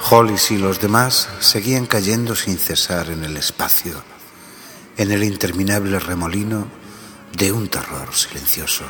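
Hushed low-voiced male storyteller. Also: unhurried. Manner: hushed, grave, slipping into whispers. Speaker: narrator. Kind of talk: dramatic story narration. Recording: reverb-heavy with background music.

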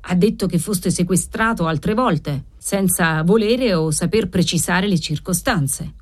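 A man's voice: sits high, unhurried. A woman voicing a police inspector who speaks in an offhand, casual way.

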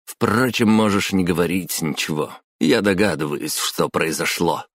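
A man's voice: low voice, slightly rough, no echo, clean studio sound. A man reading a story, voicing a pushy young man who talks sharply and insists. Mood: insistent. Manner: brisk, insistent, exclaiming.

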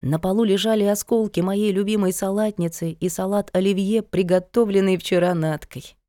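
A woman's voice: medium pitch, steady tone, normal speed, mellow, no echo, studio quality. A woman narrating a first-person audiobook in a wry, conversational storytelling manner.

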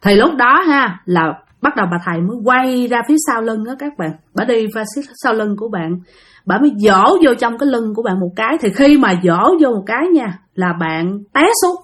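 A woman's voice: fairly high pitch, animated, fairly quick, a bit bright. A woman with a Southern Vietnamese accent telling a ghost story in a chatty, repetitive way, often turning to address her listeners.

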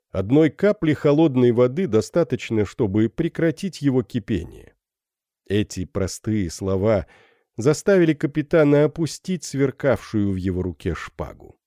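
A man narrating a classic novel as an audiobook, in steady, even storytelling. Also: medium pitch, a little slow, dry recording, clean studio sound.

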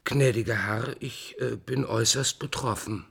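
An actor playing a deferential, earnest court painter in classical German stage drama, measured and courtly in his delivery. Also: mid-range voice, vocal fry, a bit bright, slightly rough, heavily acted. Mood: hurt.

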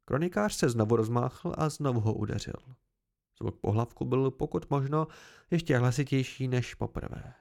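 A man reading an audiobook aloud as an amateur narrator, telling the story plainly in a gravelly voice. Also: mid-range voice, a little mellow. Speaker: audiobook reader.

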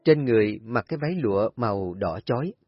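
A male storyteller reads a scripted story in a steady, even manner, his voice husky and close to the mic. The recording is dull and lo-fi, with faint music playing underneath. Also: on the low side, fast talker, no echo.

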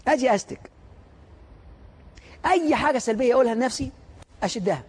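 Fast, husky Egyptian man lecturing. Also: very high voice. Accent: Egyptian Arabic. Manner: animated storytelling, rhetorical questions to audience. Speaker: motivational lecturer. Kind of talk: motivational lecture.

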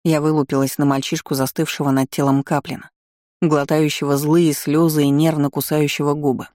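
A narrator reading a dark fantasy audiobook in steady, dramatic storytelling. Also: medium pitch, brisk, dry recording, studio quality.

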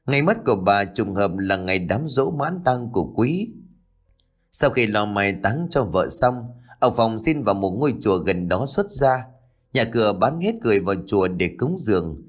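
A man narrating a ghost story in a dramatic, expressive way. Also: fairly low pitch, normal speed.

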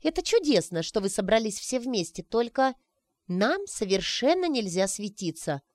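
Reader as a sharp-tongued bossy young woman, pitched up. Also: big pitch swings, normal speed, no echo, studio quality. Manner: scolding, bossy.

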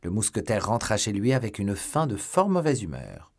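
A man narrating a classic novel as an audiobook. His voice is deep and husky, and his reading is measured and expressive.

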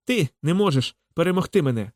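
A man's voice: a little high, expressive, a little fast, a little mellow, no echo, studio quality, voice pushed up, lightly acted. A man voicing a ruthless male crime lord in a storybook fight, taunting and cruel. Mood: savage taunting.

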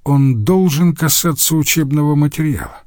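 A man voicing a quiet, wry male scholar who answers calmly and courteously. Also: a little high, moderate pace, no room sound, clean studio sound, voice pushed up, lightly acted.

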